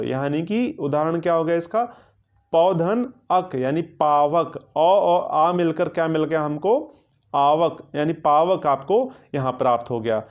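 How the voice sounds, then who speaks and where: During a grammar lesson for exam prep, a slightly high-voiced man poses questions to his students, supplies the answers himself, and drills words by repeating them slowly. The highs are cut off in the audio.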